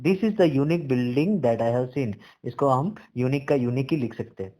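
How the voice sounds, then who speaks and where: A warm-toned, medium-pitched male voice with lively intonation and an Indian English accent teaches grammar. Rules are read out slowly, with quick explanations slipped in between.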